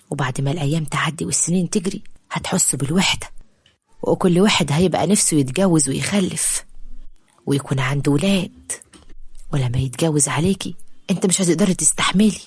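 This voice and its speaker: Lady doing a persuasive egyptian mom, husky low voice, talks fast. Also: no echo. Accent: Egyptian Arabic. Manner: coaxing, affectionate. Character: persuasive middle-aged mother advising her daughter.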